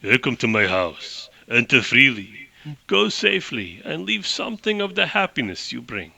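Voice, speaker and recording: Suave innkeeper, thick Russian accent, lively and sharp-toned; a man voices him. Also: deep voice, takes it slowly, gravelly, husky, dry recording, exaggerated voice. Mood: welcoming. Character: suave male innkeeper, unbothered by violence.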